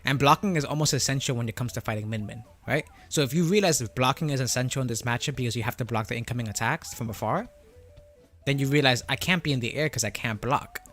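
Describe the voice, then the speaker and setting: Through a voice changer, a man's mid-range, slightly bright voice comes at a quick pace as he streams a fighting game and responds to chat. He chats casually and explains, often checking in with "right?" or "you know?", while music plays behind him.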